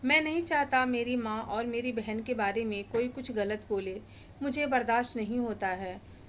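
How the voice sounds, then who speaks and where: A woman's voice: fairly high pitch, moderate pace, fairly bright tone, slight background noise, close to an everyday voice. Woman narrator voicing a protective teenage younger brother for a spoken storybook, earnest.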